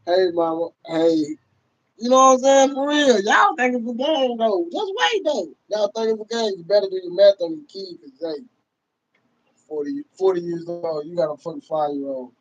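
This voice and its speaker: A high-pitched man in his thirties with a very lively voice that jumps around, ranting on a livestream. He is loud, profane and laughing as he talks to his viewers. The audio is dull and lo-fi. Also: moderate pace. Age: 30s. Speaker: livestream host. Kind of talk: casual livestream rant.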